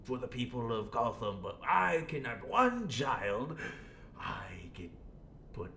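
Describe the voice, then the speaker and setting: A man acts out a theatrical villain clown delivering a persuasive roleplay monologue. The voice is forceful and full of creaky fry, rambling sardonically and swinging from mutters to outbursts. It echoes around the room over a faint rumble. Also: big pitch swings, slow pace, heavily acted. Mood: mocking, indignant. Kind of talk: in-character audio roleplay monologue. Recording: roomy echo, faint rumbling background noise.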